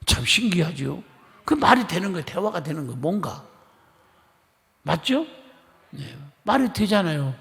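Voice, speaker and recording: Animated gravelly male pastor in a hall. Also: high voice, normal speed, long pauses. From Korea, Chungcheong region. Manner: chatty storytelling, acting out dialogue; coaxing the congregation to respond. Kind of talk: lively sermon. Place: church sanctuary. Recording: long church hall reverb.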